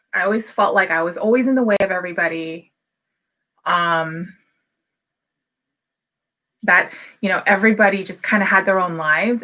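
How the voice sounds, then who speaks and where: Speaking straight to camera, this Hawaii-based business coach in her thirties keeps things candid, personal and motivational, with plenty of filler words. Her voice sits low and sounds pushed and bright.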